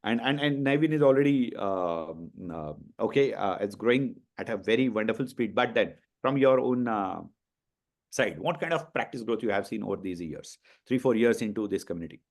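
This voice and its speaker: A man's voice: lowish voice, expressive, moderate pace, darkish tone. Emphatic Indian-accented man coaching an audience. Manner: emphatic, repeats points, checks in with the audience. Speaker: coach hosting a session. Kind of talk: motivational coaching interview.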